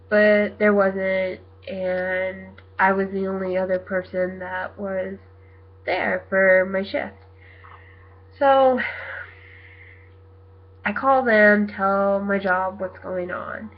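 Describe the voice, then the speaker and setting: A woman in her twenties telling her viewers a personal story in a casual, animated way, acting out what people said. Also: medium pitch, dull audio. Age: 20s. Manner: chatty, animated retelling with quoted dialogue. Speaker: vlogger.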